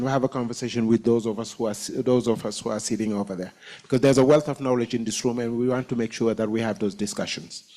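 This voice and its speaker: A man's voice: medium pitch, a little mellow. A man moderating a panel informally, very hesitant, with many uhs and ums and repeated words.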